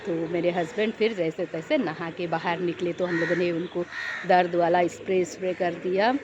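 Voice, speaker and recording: A woman's voice: on the low side, steady tone, normal speed. A young woman telling a story in a casual vlog, rambling and repeating herself, growing tense as she recalls a scare. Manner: rambling, repeats and restarts phrases. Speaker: vlogger. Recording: dull lo-fi recording with loud background noise and crows.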